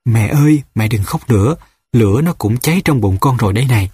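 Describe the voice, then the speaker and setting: A man's voice: mid-range voice, expressive, brisk, a little mellow, husky, no room sound, clean studio sound. A man reading the lines of a stubborn young village man torn by grief, in a plain read-aloud delivery. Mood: anguished.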